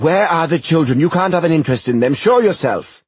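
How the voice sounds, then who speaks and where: Guy doing a bossy young warrior voice, loud and raised, breathy. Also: a little high, animated, a little fast, no echo, pitched above the performer's own voice. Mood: demanding. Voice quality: loud and forceful. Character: commanding young husband and fighter.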